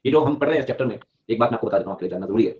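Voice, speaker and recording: Fast-talking man teaching a class. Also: fairly low pitch, lively intonation. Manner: chatty Hindi-English teaching, repeats key points, jokes with students. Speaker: CA exam teacher. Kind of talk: live online class lecture. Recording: dull lo-fi audio.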